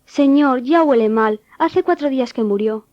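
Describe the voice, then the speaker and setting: A woman's voice: high-pitched, moderate pace, no room sound, natural voice. A woman playing Martha, a grieving and faithful sister, in a dramatized scripture reading. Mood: worried. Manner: earnest, pleading. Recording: dull, dry studio sound.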